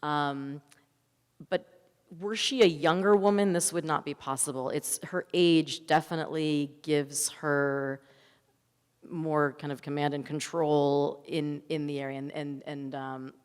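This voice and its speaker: In a large hall full of long reverb, a woman director fields audience questions at a festival, telling stories casually. Her voice is deep and smooth, her tone steady, and she speaks a little slowly.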